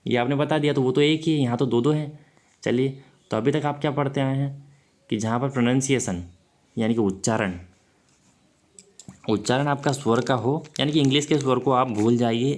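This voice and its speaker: A man's voice: medium pitch, darkish tone. Man teaching a grammar lesson. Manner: repeats rhetorical checks to the viewer. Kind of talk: explanatory online lesson.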